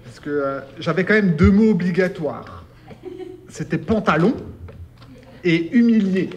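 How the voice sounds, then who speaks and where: A man's voice: high-pitched, big pitch swings, unhurried, lo-fi sound. A man, a workshop participant, reading his own short text aloud with a wry, self-mocking tone.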